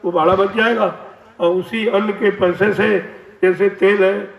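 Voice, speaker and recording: A man's voice: sits high, fairly even intonation, a little slow, gravelly. A man giving a devotional sermon as a spiritual teacher, warning and admonishing his listeners. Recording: echoey, distant, dull lo-fi.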